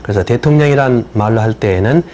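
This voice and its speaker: An older man, an attorney and native Korean speaker, giving a slow explanatory lecture on citizenship English and spelling words out letter by letter. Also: fairly low pitch, dark tone, a little hiss or hum. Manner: spells words letter by letter, repeats phrases slowly.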